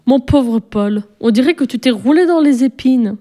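A woman's voice: sits high, moderate pace, warm tone, voice pushed up, close to an everyday voice. A woman reading aloud and voicing a worried mother in a storybook, concerned and exclaiming.

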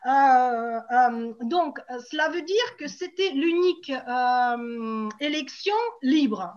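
A woman's voice: high-pitched, lively intonation, takes it slowly. A woman from Moscow, a native Russian speaker, explains her view as an ordinary citizen in a hesitant but emphatic way, in dull lo-fi sound. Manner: hesitant, emphatic, repeats key points. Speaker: ordinary citizen giving testimony in a panel discussion. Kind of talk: spontaneous explanatory discussion.

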